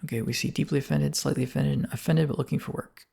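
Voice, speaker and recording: A man's voice: medium pitch, fairly even intonation, fast, gravelly, a little mellow, slightly rough. A man narrating a game playthrough, reading on-screen text and dialogue choices aloud. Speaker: let's play narrator. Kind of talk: let's play commentary.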